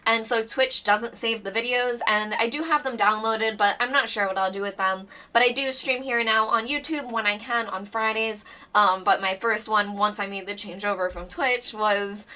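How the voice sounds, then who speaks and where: A woman chatting excitedly on a board game live stream, bubbly and rambling, a little out of breath. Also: medium pitch, normal speed, distant mic. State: a bit out of breath. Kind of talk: casual live-stream chat.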